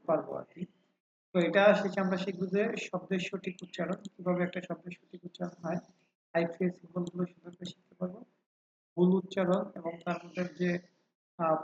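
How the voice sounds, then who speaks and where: A man teaching English pronunciation in a classroom-style lecture. He patiently repeats example words many times and pauses often with hesitant fillers. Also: sits high. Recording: roomy, dull lo-fi sound.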